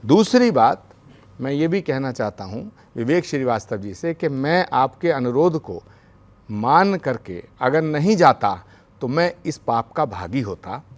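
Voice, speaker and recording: A man of middle pitch speaks as a religious guest on a televised panel. His tone is measured, formal and devotional, and he leans hard on the points he wants to land. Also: sing-song. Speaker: spiritual leader, debate guest. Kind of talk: televised debate.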